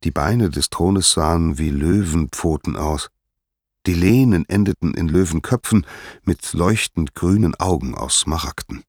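Deep, husky storybook narrator, man. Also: measured pace, no echo, clean studio sound. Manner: expressive, dramatic storytelling.

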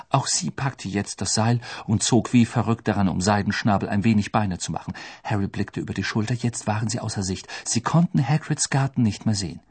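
A man reading an audiobook as narrator, expressive and lively. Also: lowish voice, slightly rough. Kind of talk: scripted narration.

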